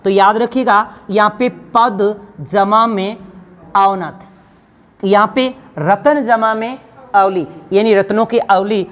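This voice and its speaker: A woman's voice: mid-range voice, fairly even intonation, slow. A woman teacher giving a grammar lesson to exam students, asking questions and answering them herself. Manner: addresses students fondly as children.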